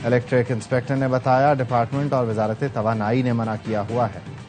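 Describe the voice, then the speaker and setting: A man reading scripted news headlines in an even, formal manner. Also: medium pitch, fairly quick, loud music behind the voice. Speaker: news anchor.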